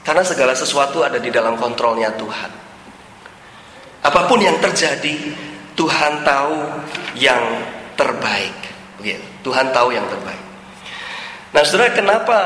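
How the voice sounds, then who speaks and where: A male preacher giving an animated sermon, often addressing the congregation and dropping English phrases into his talk. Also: mid-range voice, a little hiss or hum. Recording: roomy hall with long reverb and faint ambience.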